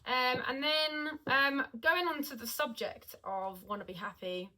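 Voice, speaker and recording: A woman's voice: high-pitched, measured pace, pushed and bright, slight background noise, poor audio. A woman, a singer, chatting casually about her music with hesitant ums and restarts. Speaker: singer and podcast co-host. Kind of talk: casual chat.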